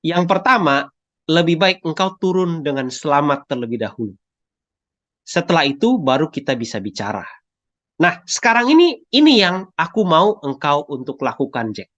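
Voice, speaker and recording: A man voicing God as a calm, steady voice that gently gives instructions. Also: fairly high pitch, moderate pace, highs cut off. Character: calm voice of God speaking from everywhere.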